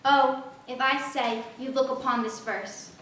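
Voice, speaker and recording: High, bright woman reciting a sonnet. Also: fairly even intonation, unhurried. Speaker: recitation contestant. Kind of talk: reciting a sonnet, measured dramatic delivery. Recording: echoey hall, distant mic, faint noise.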